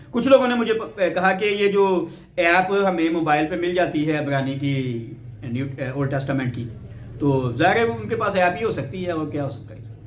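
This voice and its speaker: A man from Pakistan teaches from the Bible in a lecture, explaining things step by step and asking rhetorical questions along the way. His voice is a little high, and the recording has a roomy echo.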